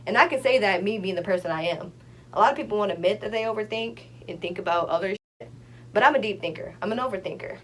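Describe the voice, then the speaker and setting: A woman's voice: medium pitch, a little hiss or hum. A young woman in a casual chat, openly reflecting on how she copes with her feelings. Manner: open, self-reflective, quick to laugh.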